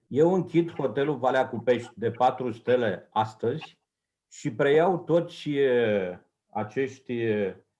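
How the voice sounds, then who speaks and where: Man, council member, earnest, hesitant fillers, mellow tone, dull lo-fi line. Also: mid-range voice. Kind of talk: spoken intervention in a meeting. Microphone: remote microphone.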